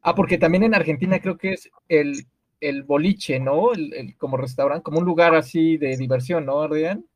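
A man's voice: fairly high pitch, moderate pace, no echo. A Mexican man with a Mexican Spanish accent, hosting a casual group chat and asking lots of curious questions, with hesitant restarts. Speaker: host.

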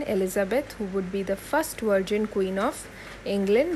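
A woman's voice: medium pitch, darkish tone, a little hiss or hum, rough recording. A woman teaching a history lesson for exam students. She repeats key points, spells names letter by letter and asks questions that she answers herself.

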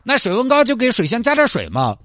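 A man playing an exasperated highway traffic cop who keeps scolding a stranded driver with incredulous questions in a comedy skit. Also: wildly swooping pitch, fast talker, a bit bright, dry recording, clean studio sound, faint music behind, heavily acted.

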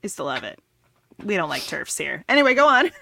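A woman with a slightly low but very lively voice chats as a podcast guest, gasping and laughing freely. Her mic sounds dry and close. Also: brisk, gravelly, dry recording. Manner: animated, gasping, laughing often. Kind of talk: casual podcast chat.

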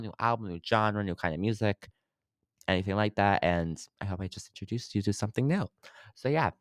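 A man's voice: lowish voice, smooth, no room sound, clean studio sound. A young man hosting a casual music review podcast, loose and chatty with lots of fillers. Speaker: podcast host.

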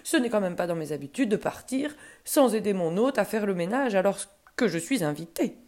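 A woman reading a storybook and voicing a cheerful, cheeky male elf who speaks in a bright, polite, breezy way. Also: mid-range voice, lively intonation, brisk, natural voice.

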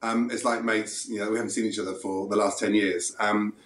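A man's voice: fairly low pitch, flat delivery, fairly quick, a bit bright. Guest chef, male, breezy talker, sounds roomy and echoey. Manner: chatty, breezy storytelling. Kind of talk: remote radio interview.

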